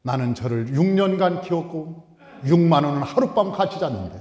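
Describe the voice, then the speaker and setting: A male pastor delivering a storytelling sermon in a church sanctuary, swinging between hushed asides and loud, emphatic outbursts. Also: a little high, expressive, brisk. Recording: echoey hall.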